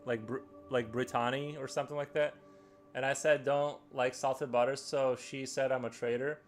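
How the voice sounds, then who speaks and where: A man's voice: medium pitch, fairly even intonation, normal speed. A man chatting casually on a live stream while he draws, thinking aloud with frequent restarts and filler words. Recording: faint music underneath.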